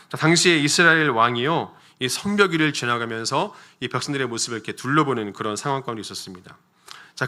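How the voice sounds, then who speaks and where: A man's voice: mid-range voice, sharp tone. A man preaching a sermon as pastor, telling a story with rhetorical questions and frequent "자" and "예" fillers. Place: church sanctuary.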